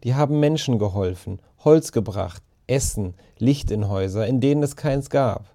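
Brief: gentle, thoughtful girl in a storybook, soft delivery, read by a man. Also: mid-range voice, normal speed, lightly acted.

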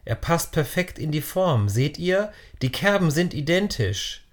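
A man's voice: on the high side, big pitch swings, unhurried, pitched above the performer's own voice. A man voicing a nerdy matter-of-fact schoolboy. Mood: eager.

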